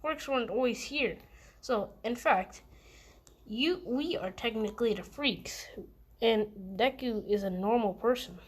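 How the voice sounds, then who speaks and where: A woman's voice: a little high, a little slow. A woman voicing a defiant mother who firmly stands up for her son. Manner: firm and indignant.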